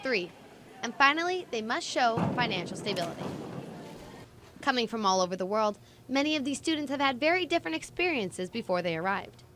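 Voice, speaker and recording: Brief: young woman, student TV reporter, high voice, scripted news read, faint background hum. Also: very animated, brisk, a bit bright.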